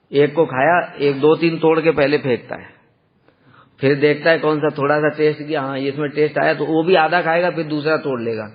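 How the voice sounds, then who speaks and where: A man telling a devotional story in a lively, conversational way, often asking the listeners rhetorical questions. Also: on the high side. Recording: dull lo-fi sound with long hall reverb.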